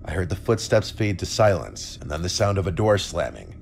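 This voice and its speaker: Male horror narrator, very low voice, calm scripted read, soft music underneath. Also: fairly quick, vocal fry. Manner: calm, steady storytelling.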